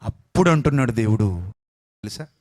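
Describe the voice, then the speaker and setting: A man preaching a sermon with emotional force, repeating phrases and swinging between soft and loud. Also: lowish voice, animated, a little fast. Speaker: pastor.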